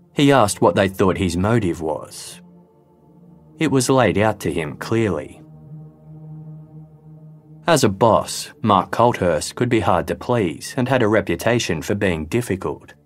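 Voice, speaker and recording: A man with a deep voice narrates true crime in an even, measured manner. His delivery stays sober and controlled throughout. Faint music sits quietly beneath him. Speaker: podcast host and narrator.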